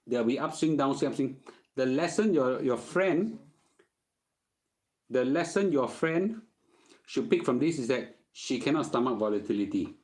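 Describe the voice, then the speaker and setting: A man's voice: medium pitch, lively intonation, moderate pace, a little mellow. A middle-aged man with a Singaporean accent chats casually as a host answering questions, using colloquial Singlish phrasing and often checking in with "okay?". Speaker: host giving personal finance advice.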